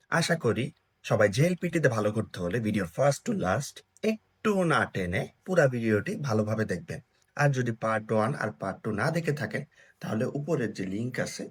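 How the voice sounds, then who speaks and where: A man's voice: fairly low pitch, slightly rough. A young man teaching a language grammar lesson in short, broken phrases, often checking that listeners follow.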